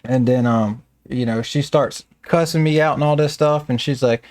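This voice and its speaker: A man's voice: medium pitch, moderate pace, a little mellow, no room sound, clean studio sound. Plainspoken Southern American man. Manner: plainspoken and colloquial, telling stories at length. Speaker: staffing business owner. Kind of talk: casual storytelling interview.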